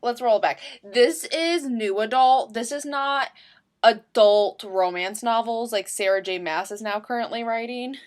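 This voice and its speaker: Young woman teasing in casual chat. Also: on the high side. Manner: teasing, quick interjections. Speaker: podcast co-host.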